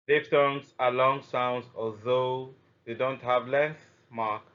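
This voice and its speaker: A man teaching a scripted phonetics lesson, deliberately reading out sounds and lists of example words one at a time. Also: medium pitch, a bit bright. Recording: dull muffled lo-fi audio.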